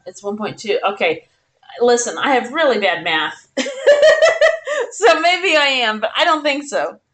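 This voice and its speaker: A woman commentating her own live game stream in a bubbly, excitable way, squealing when she wins. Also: mid-range voice.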